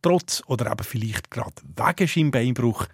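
A man with a Swiss German accent narrating a documentary report in a measured, descriptive way. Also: mid-range voice, expressive, breathy edge, dry recording, clean studio sound.

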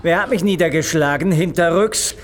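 A man playing a wry, sarcastic prisoner with his neck in a noose, in a radio play, his voice a little high. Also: normal speed, close to an everyday voice. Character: dry-witted male prisoner hanging in a noose. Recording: reverberant room, faint hiss.

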